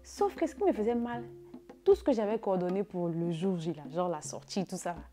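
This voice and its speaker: A young woman with a mid-range voice recounts a storytime for her vlog at a slightly quick pace, music running beneath her voice. Lively and repetitive, she sprinkles in fillers such as "là" and "genre."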